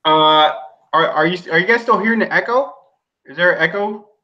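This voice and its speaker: A man co-hosting a casual gaming livestream over a laptop mic, blunt and quick to laugh. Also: high voice, pushed and bright. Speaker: podcast co-host. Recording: dull lo-fi laptop audio.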